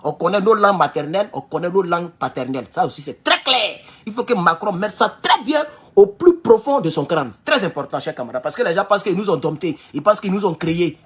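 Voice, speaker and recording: Animated West African French-accented man. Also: high voice, fast, hardly any pauses, breathy edge. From Burkina Faso. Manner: animated, emphatic, with repeated restarts and addresses to "chers camarades". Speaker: commentator. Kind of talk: casual political commentary.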